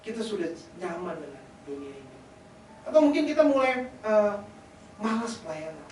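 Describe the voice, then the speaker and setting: A man's voice: high voice, big pitch swings, normal speed, a little mellow. A man preaches a sermon as pastor, keeping it chatty and joking and throwing rhetorical questions to the congregation. His voice rings through a very echoey church hall with faint hiss, picked up from some distance off the mic.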